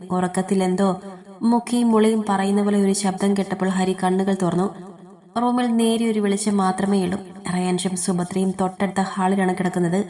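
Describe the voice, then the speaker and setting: A woman reading a romance novel aloud as a storyteller, in steady, even scripted narration. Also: mid-range voice.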